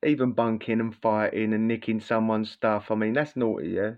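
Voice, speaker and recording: A man's voice: on the low side, steady tone, normal speed, clean tone. A man telling a casual story in a slangy, rambling way, often repeating himself. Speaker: vlogger. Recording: slightly dull lo-fi audio.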